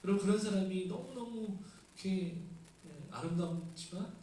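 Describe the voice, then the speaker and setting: A South Korean male pastor explains scripture in a conversational Sunday sermon full of rhetorical questions. His voice is high but dark in tone, at normal speed. The church sanctuary sounds echoey, the mic is distant, and there's faint hiss.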